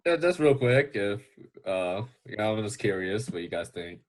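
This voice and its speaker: A man's voice: on the low side, lively intonation, moderate pace. A man in a casual podcast chat, talking hesitantly with many fillers and restarts. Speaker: podcast guest.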